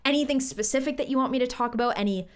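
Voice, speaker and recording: A woman's voice: high voice, racing, clear, resonant tone. A young woman hosting a solo podcast, talking in a casual, earnest and chatty way with a lot of fillers. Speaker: podcast host.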